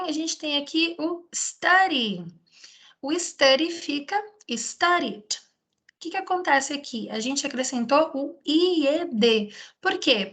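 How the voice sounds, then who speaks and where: Brazilian woman teacher, high bright voice, explains step by step and keeps checking in with students. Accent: Brazilian Portuguese. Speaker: English teacher. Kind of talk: recorded video lesson.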